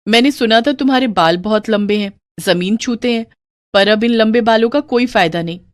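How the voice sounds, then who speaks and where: A woman's voice: on the high side, normal speed, dry recording, studio quality, lightly acted. A woman voicing a sly, mocking elder sister-in-law.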